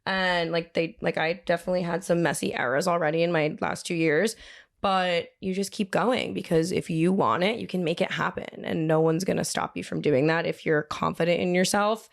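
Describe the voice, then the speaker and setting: A woman's voice: on the low side, steady tone, normal speed, vocal fry. A woman who works as a hairstylist, a podcast guest talking casually in an upbeat, emphatic way. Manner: upbeat, emphatic, filler-heavy. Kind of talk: casual chat.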